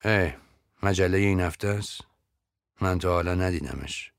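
A man voicing a breezy young man who talks offhand and teasing, in a very deep voice. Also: dry recording, studio quality, close to an everyday voice.

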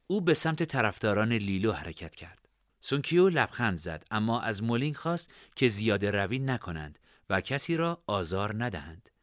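Expressive male audiobook narrator. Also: fairly low pitch, dry recording, clean studio sound. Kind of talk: audiobook narration of a fantasy story.

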